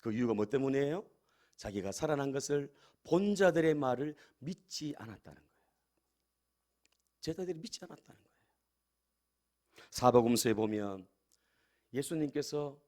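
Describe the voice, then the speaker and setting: A man's voice: medium pitch, lively intonation, moderate pace, pauses often, warm tone. A male pastor preaching a sermon, often addressing the congregation and asking them rhetorical questions.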